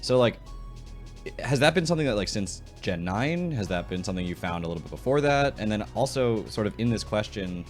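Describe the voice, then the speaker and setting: An enthusiastic young man hosting an interview, with a fairly low voice. His questions ramble with fillers as he keeps the chat going. Faint music sits behind him. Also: lively intonation, fairly quick.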